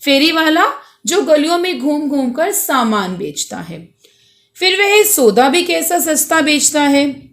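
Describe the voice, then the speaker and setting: A woman's voice: high voice, very animated, takes it slowly. A woman teacher reading a story aloud and patiently explaining its words to her students. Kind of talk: reading and explaining a school lesson.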